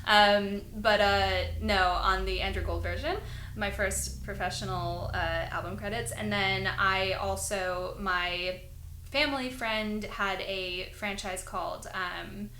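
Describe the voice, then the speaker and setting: A woman's voice: mid-range voice, fairly even intonation, takes it slowly, sharp tone, a little hiss or hum. A young woman from London raised in Los Angeles, chatting as a musician guest, rambling with lots of "like" and frequent giggles. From born in London, raised in Los Angeles. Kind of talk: casual interview chat. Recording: echoey room with faint ambience.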